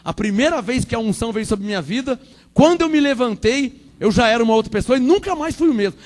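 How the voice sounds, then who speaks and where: Man, 40s, Brazilian Portuguese accent, pastor, very high-pitched for a man, fervent sermon delivery, repetitive, loud and soft by turns. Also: expressive, fast talker. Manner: fervent, repetitive, swings between loud proclamation and quiet asides. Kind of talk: Pentecostal sermon.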